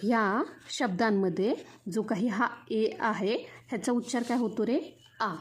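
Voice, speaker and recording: Marathi lady teacher, slow patient delivery, keeps asking the kids stuff. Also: on the high side. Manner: repeats questions to students, spells out sounds slowly. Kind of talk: classroom lesson explaining English vowel sounds.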